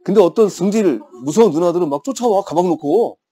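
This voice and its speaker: A man's voice: sits high, expressive, fast talker, mellow, slightly rough. A man in his fifties teaching an English grammar class, telling playful stories and teasing his students. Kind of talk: classroom lecture with chatty anecdotes.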